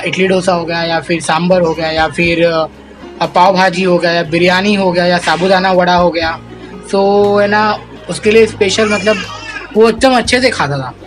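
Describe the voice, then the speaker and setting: A young man vlogging casually at home with his family, chatty and comforting, slipping English phrases into his talk. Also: sits high.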